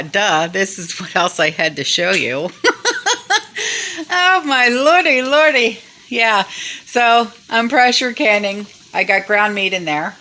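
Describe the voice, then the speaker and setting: A woman with a bright, forceful mid-range voice addresses her channel viewers in casual, opinionated vlog talk. She's blunt and emphatic, folksy, and quick to swear.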